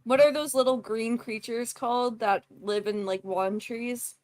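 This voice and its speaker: A woman with a fairly high voice, recorded very dry with no room sound. She talks casually, as among friends. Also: fairly even intonation, unhurried, a little mellow, dry recording. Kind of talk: casual group chat.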